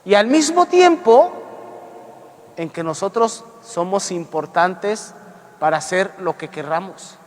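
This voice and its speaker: A priest giving an emphatic Bible-teaching sermon, putting rhetorical questions to his congregation and slowing down to stress key words. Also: high voice, animated, in a large hall, a little hiss or hum. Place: church sanctuary.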